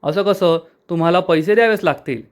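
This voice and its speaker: A man's voice: high-pitched, a little fast. A man voicing a crafty, stubborn young male bike taxi rider who haggles and teases, retold in a serial recap. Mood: insistent. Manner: haggling, insistent, teasing.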